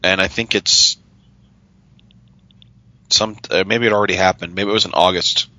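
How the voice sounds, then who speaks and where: Bright-voiced chatty man. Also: low-pitched, steady tone, moderate pace, no echo, highs cut off. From Utah. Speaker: paranormal investigator, co-host. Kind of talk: casual podcast chat.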